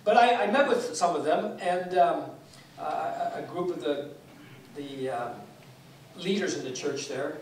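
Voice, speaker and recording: Speaking a little slowly in a fairly high voice, the sixty-something Taiwan-raised guest pastor shares stories conversationally from the pulpit, gesturing and often restarting with fillers. The distant mic picks up the echo of the church hall and slight background noise.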